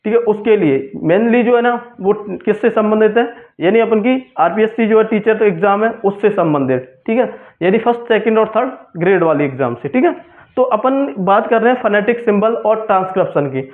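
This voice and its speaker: Man with teaching exam class, keeps repeating stuff, mixes in english words, high voice, sounds like a phone. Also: lively intonation, brisk. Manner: repetitive, asks and answers own questions; mixes English terms into Hindi. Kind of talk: exam-prep class lecture. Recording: tinny phone-like lo-fi audio.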